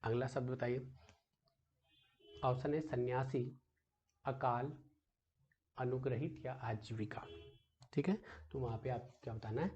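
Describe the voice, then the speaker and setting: A muffled recording captures a male teacher with a mid-range, somewhat mellow voice, speaking a little slowly with long pauses. During exam prep he quizzes his students, calls them "बेटा", repeats "ठीक है", and checks back with rhetorical questions as he explains patiently.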